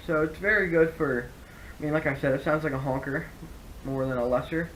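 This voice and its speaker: A man's voice: fairly high pitch, slight background noise, poor audio. A man giving a casual, rambling product review, often correcting himself as he explains. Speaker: hunting gear reviewer.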